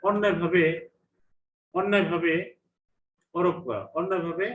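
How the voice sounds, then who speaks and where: A man's voice: sits high, steady tone, normal speed. A man with a Bangladeshi accent, an English lecturer giving an online vocabulary class, repeating each word with its meaning in two languages. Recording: echoey room, dull lo-fi sound.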